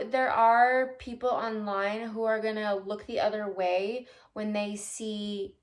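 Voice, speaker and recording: A woman vlogging casually at home, answering viewer questions in a chatty, playful way with loose tangents and asides. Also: mid-range voice. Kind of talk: casual chat.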